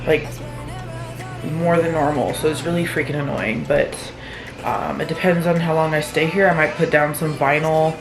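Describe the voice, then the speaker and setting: A young single mom talks casually through her weekend routine in a low, relaxed voice, sounding a little tired. She rambles, trails off and laughs at herself, with music playing clearly under her voice. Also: normal speed. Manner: chatty, rambling, self-deprecating with soft laughs. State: tired, yawning. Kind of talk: casual vlog narration.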